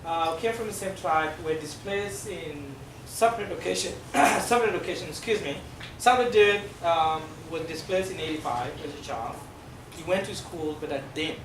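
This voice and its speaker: A middle-aged South Sudanese man, a Dinka speaker, explains things to a class in a halting way, often pausing with fillers. His voice sits a little high for a man. The recording comes from a distance in an echoey room with a noisy background. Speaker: guest speaker. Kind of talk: classroom presentation.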